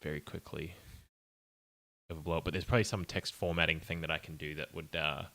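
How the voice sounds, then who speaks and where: A man's voice: extremely low pitch, flat delivery, fairly quick, pushed and bright. A young man streaming as an indie game developer, muttering and thinking aloud in a casual, apologetic way. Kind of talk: casual live-stream chat while coding.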